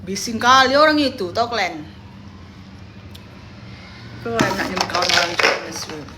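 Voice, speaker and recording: A young woman chatting on a phone livestream, telling animated stories and quoting her friends. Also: mid-range voice, measured pace, very noisy. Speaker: live streamer. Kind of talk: casual livestream chat.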